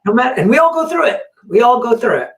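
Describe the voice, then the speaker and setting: A podcast host telling a story in a casual chat, acting out the other people's words with lively energy. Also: mid-range voice, quick pace. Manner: animated, acts out quoted dialogue. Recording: roomy, distant mic.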